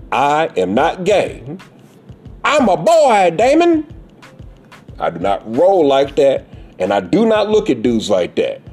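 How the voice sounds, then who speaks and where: A man talking straight to camera in blunt, profane commentary, his pitch swinging up and down as he lectures. His voice is husky and mellow, with soft music underneath. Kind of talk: casual commentary.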